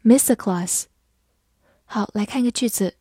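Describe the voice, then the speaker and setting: A woman teaching English vocabulary in a clear, patient way, repeating each word slowly. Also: mid-range voice, mellow, no room sound, studio quality. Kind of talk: vocabulary lesson.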